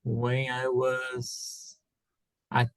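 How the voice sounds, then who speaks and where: Slow, hesitant Brazilian English learner. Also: medium pitch, monotone, clear, resonant tone, dry recording. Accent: Brazilian Portuguese. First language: Portuguese. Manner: hesitant beginner, repeats words, halting. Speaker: English student.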